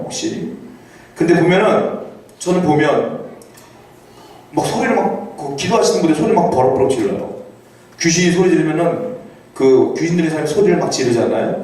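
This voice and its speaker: A male pastor preaching a sermon in a conversational way, asking his congregation rhetorical questions and reading scripture aloud slowly. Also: a little high, a little mellow. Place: church sanctuary. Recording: echoey church hall from a distant mic.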